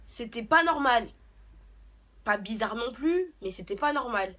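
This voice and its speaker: Young woman vlogger, storytime to camera, halting delivery with lots of fillers, a touch high-pitched. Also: lively intonation, sharp tone. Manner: hesitant, many fillers and restarts. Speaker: beauty vlogger. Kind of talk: unscripted storytime.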